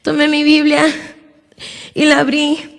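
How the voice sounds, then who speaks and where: Young woman, church testimony, high and level with gravel, halting delivery, long hall echo. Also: monotone. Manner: slow and halting, with many repeated openings. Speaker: church member giving testimony. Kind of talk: personal religious testimony.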